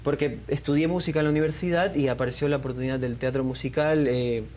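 A man's voice: medium pitch, steady tone, fast, darkish tone, slight background noise. Hesitant young man from Ecuador. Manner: hesitant, many fillers and restarts. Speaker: guest singer. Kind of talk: casual interview chat.

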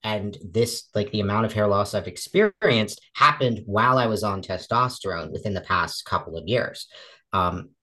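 The audio is poor for this woman in her twenties, whose voice is relatively deep yet fairly bright in tone. Talking casually as an interview guest at a moderate pace, she acts out quoted remarks and uses many fillers and restarts.

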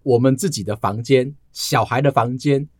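A man co-hosting a podcast, telling stories in a casual, animated chat. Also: medium pitch, normal speed, no echo, clean studio sound. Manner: storytelling, animated. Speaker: podcast co-host.

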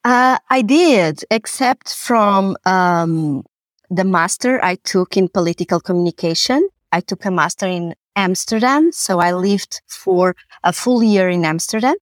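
A woman, a podcast guest who speaks thoughtfully, pausing and repeating words. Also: medium pitch, lively intonation, no room sound, studio quality. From Portugal. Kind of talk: podcast interview.

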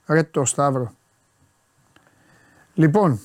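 A man's voice: fairly high pitch, lively intonation, a little mellow. A man co-hosting a show, bantering casually and hammering his points home by repeating words over and over. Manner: emphatic, repeats words for insistence. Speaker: radio co-host.

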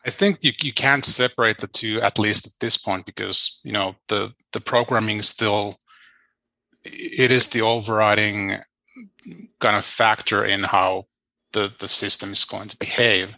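A man's voice: lowish voice, steady tone, unhurried, vocal fry, sharp tone, no room sound, rough recording. A man speaking as a computer science panelist, thinking aloud with hesitant restarts. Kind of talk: panel discussion.

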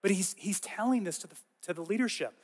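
A man preaches in a relaxed, conversational way, spinning stories with lively asides. His voice sits a little high for a man. The sound carries a long reverb from a large church hall. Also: quick pace. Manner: casual, animated storytelling with frequent "like" asides. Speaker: pastor. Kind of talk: conversational sermon.

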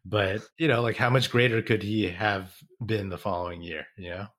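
A man hosts a casual sports chat. His voice sits a little low, and his talk wanders along on easy fillers. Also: steady tone, normal speed, fairly bright tone. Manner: conversational, leans on fillers like "like" and "man". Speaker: podcast host.

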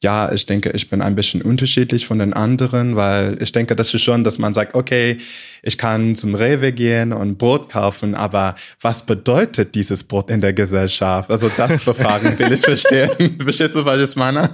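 Man, American accent, non-native German, halting with many fillers, video call audio, somewhat low voice. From USA, Michigan. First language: English. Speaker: podcast guest. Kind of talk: casual interview chat.

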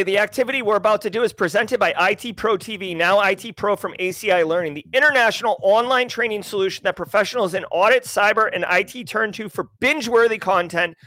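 A man hosting a daily livestream, talking casually and energetically to his chat with slang and shout-outs. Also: high-pitched, dry recording. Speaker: host.

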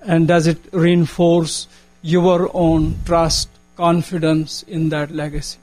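A man with a Kashmiri accent speaks in a somewhat high voice, asking a question at a public event. He is earnest and formal, phrasing things deliberately, with faint music in the recording. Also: little pitch movement, a little mellow. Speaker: audience member asking a question.

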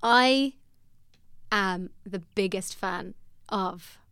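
A woman with a west of Ireland accent, chatting casually and informally as an interview guest, telling stories in an animated way. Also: mid-range voice, very slow, smooth, dry recording, studio quality. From Sligo, west of Ireland. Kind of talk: casual chat.

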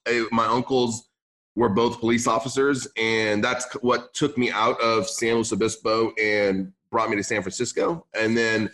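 With a fairly low, level voice at a moderate pace and a fairly bright tone, a young man speaks English as his second language. Originally from Lebanon and raised in California, he owns a gym and is chatting casually as a guest on a podcast. His manner is easygoing, full of "man" and restarted sentences.

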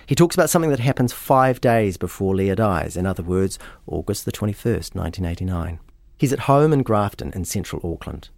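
A man, hosting and narrating a true-crime story in a measured, matter-of-fact way. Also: low-pitched, animated, creaky, darkish tone, no echo. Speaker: podcast host.

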